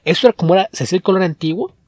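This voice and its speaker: A man's voice: sits high, racing, a little mellow, no room sound, clean studio sound. A man co-hosting a podcast, chatting casually and in depth, often restarting his sentences. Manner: knowledgeable, digressive, frequent restarts. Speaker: podcast co-host. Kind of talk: casual chat.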